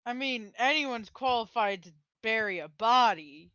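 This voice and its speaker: A woman with a slightly high voice plays in a tabletop game, speaking slowly. Her tone is bright and her remarks are dry and wry. Her audio sounds dull and lo-fi. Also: lively intonation, clean tone, dry recording. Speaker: player. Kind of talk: casual tabletop play.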